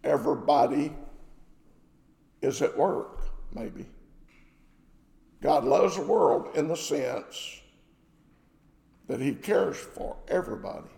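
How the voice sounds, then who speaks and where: A man's voice: a little high, animated, takes it slowly, vocal fry, pauses often, mellow, big-room sound. A man preaching a sermon as pastor, emphatic, asking rhetorical questions.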